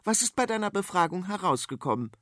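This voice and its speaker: A man voicing a cool, sharp-tongued queen, pitching his voice up high. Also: big pitch swings, quick pace, dry recording, clean studio sound. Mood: pointed. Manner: cool, pointed.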